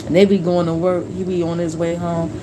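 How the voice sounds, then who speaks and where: A woman's voice: fairly low pitch, brisk. A middle-aged woman streamer telling stories in a blunt, profane, fired-up casual rant. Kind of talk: casual ranting chat. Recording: steady background noise.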